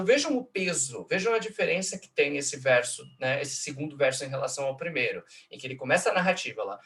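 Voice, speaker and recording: A man with a slightly high voice teaches in an online live, talking into a computer mic. He explains patiently, step by step, and keeps checking in with his listeners through short tag questions. When he taps out a rhythm, he slows down and leans on each syllable. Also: fairly bright tone. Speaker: host and lecturer. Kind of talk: online lecture analyzing song lyrics. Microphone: computer mic in a live video call.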